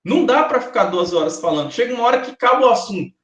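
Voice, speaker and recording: A man's voice: very high-pitched, animated, rapid-fire, a bit bright. A man with a Brazilian Portuguese accent giving a university classroom lecture, chatty and joking with students. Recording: echoey classroom recording.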